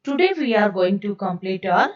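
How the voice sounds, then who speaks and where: A woman's voice: medium pitch, animated, very slow. A woman with an Indian accent teaching an English lesson, switching to Hindi to explain and often checking "okay?" with her students. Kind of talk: recorded online lesson, mixing English and Hindi. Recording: dull, distant lo-fi recording.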